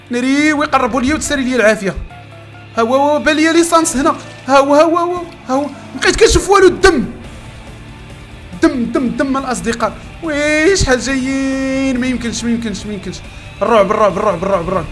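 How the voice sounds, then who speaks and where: A young man with a Moroccan Arabic accent giving frantic, shouted gameplay commentary, repeating words over and over. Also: very high-pitched. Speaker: gaming channel host.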